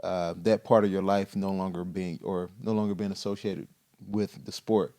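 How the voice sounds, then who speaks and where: A man who used to play football, talking in a casual podcast discussion, halting with many fillers and restarts. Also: sits low, fairly even intonation, dark tone. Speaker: guest, former football player.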